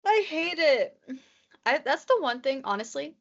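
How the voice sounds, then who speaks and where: A woman's voice: high voice, big pitch swings, a little slow. Rambling young woman, lo-fi podcast audio. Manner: rambling, constantly says "like", nervous chatter. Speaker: podcast co-host. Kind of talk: casual chat.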